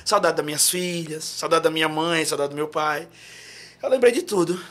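A man with a somewhat high, slightly bright voice speaks at an ordinary pace. He's a podcast guest from João Pessoa, Paraíba, Brazil, with a Northeastern Brazilian accent, animatedly telling a story, acting out quotes and bursting into song.

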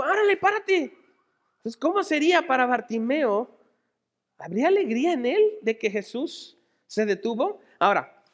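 A Mexican man preaching a sermon as a pastor, dramatic, moving between shouted appeals and hushed tones. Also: extremely high pitch.

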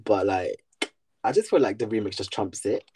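A man's voice: on the low side, animated, moderate pace, darkish tone, slight background noise. A man co-hosting a podcast in casual chat, gushing with enthusiasm. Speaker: podcast co-host.

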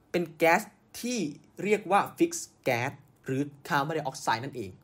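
A man's voice: on the high side, slightly rough. A man hosting a podcast, telling science history in a casual way, with many fillers and self-corrections. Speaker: podcast host.

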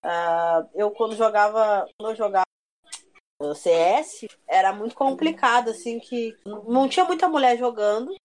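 High-voiced mocking woman. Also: moderate pace. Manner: mocking, lively storyteller. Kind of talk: casual chat about gaming.

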